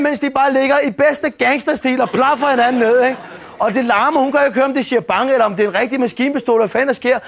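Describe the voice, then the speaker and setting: A man doing stand-up storytelling on stage, animated and swearing freely as he acts out scenes with shouts and sound effects. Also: extremely high pitch, vocal fry. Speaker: stand-up comedian. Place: stage before a live audience. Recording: TV broadcast with audience noise. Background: audience laughter.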